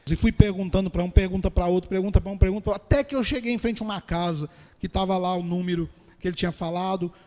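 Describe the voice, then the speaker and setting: Earnest São pastor in reverberant hall. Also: male voice, high voice, fast talker, warm tone. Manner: earnest storytelling, often addressing the congregation as brothers. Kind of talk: preaching a personal testimony.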